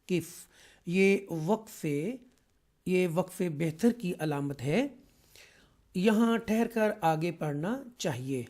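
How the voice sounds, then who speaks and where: Male Quran teacher from Pakistan, soft dark tone, patient and careful, lots of hesitant fillers. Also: sits high, lively intonation. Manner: explains slowly and carefully, with many drawn-out "aa" fillers. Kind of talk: online Quran lesson.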